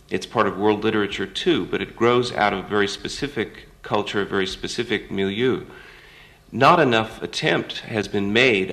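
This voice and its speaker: A male academic offers measured, critical scholarly commentary. His voice sits fairly low and has a marked creak. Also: a bit bright. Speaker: academic, symposium participant.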